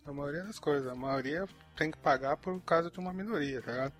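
A young man rambles through his opinions in slangy, casual podcast talk. His voice sits a little high. Faint music plays underneath. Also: fast. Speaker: podcast co-host. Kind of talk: casual chat.

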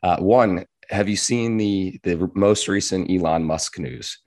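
A man with a low-pitched voice hosts a casual podcast. His voice is hoarse and raspy, as if it is giving out. He talks informally and keeps a joking tone. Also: measured pace, a little mellow. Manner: informal, jokey. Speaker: podcast host.

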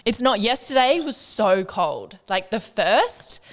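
A woman's voice: mid-range voice, big pitch swings, slow pace. A woman co-hosting a podcast, chatting casually and candidly in very informal language. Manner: candid, informal with mild swearing. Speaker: podcast co-host. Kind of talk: casual chat.

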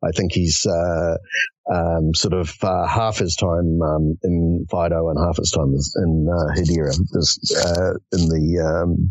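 Deep-voiced New Zealand man, halting. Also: no room sound, dull audio. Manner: hesitant, many fillers and restarts. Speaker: podcast guest, executive director. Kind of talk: conversational interview.

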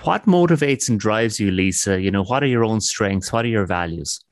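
Man, slightly deep voice, reflective interviewer, repetitive aphoristic phrasing, dry studio-like sound. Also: expressive, normal speed, dry recording. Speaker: podcast host, interviewer.

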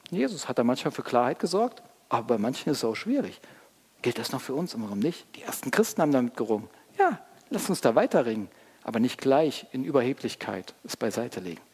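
Speaking quickly with big swings in his medium pitch, this pastor has a slightly rough, somewhat mellow voice. He earnestly preaches to his congregation in church, putting rhetorical questions straight to them, with long church reverb on the recording.

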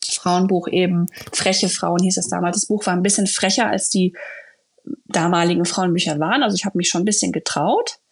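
A woman author in a casual interview, telling her story in a lively, animated way and acting out what people said. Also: lowish voice, a little fast, slightly rough. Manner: lively, animated storyteller who acts out quoted dialogue.

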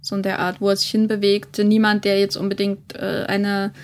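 A woman's voice: medium pitch, monotone, normal speed. Woman podcaster chatting about a movie, lots of ums and restarts. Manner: chatty, hesitant with fillers and restarts. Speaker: podcast co-host. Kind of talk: casual film discussion.

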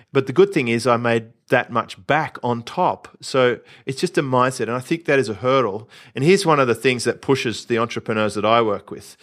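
A man from Australia hosting a casual podcast, talking confidently about business and spending. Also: mid-range voice. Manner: confident, animated storytelling with asides. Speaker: podcast host, entrepreneur coach.

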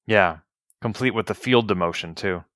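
A man's voice: on the low side, moderate pace, a bit bright, no room sound, clean studio sound. A man co-hosting a podcast in casual chat, opinionated and analytical as he picks apart an episode. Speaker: podcast co-host.

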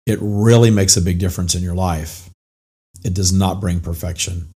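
Raspy, whispery, hoarse deep-voiced man. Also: steady tone, normal speed, warm tone. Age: middle-aged. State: hoarse, nearly lost voice. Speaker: podcast host and spiritual coach. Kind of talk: informal motivational monologue.

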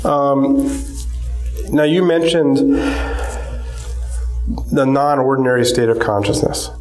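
A man's voice: medium pitch, slow pace, darkish tone, reverberant, soft background music, poor audio. A man from Arizona hosting a podcast interview, asking questions conversationally with brief affirmations. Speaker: podcast host.

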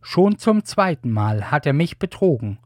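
Bitter grown hunter son read by a man, pleading, unhurried. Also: on the high side, big pitch swings, a little mellow, dry recording, studio quality.

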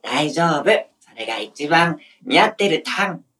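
A woman's voice: low-pitched, animated, measured pace, a bit bright, far from the mic. A woman voicing a small, protective mascot creature sidekick who ends lines with a cute verbal tic, in an improvised radio sketch. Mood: scolding.

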